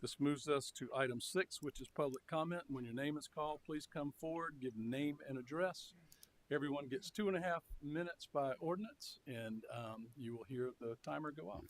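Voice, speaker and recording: A man's voice: fairly high pitch, normal speed. A man chairing a town council meeting, speaking in formal procedural phrases.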